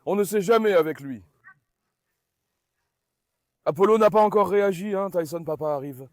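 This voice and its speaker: High-voiced man calming his dogs. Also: no room sound. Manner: repeatedly calming the dogs with soothing commands; talks directly to viewers as friends. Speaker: dog owner and channel host. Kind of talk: running commentary to viewers while handling dogs.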